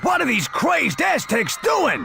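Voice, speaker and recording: A man voicing a mischievous, vengeful devil advisor in a video game, gravelly and scornful. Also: high-pitched, sing-song, unhurried, heavily acted. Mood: angry, vengeful. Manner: sneering, scornful. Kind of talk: video game character acting. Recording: loud music behind.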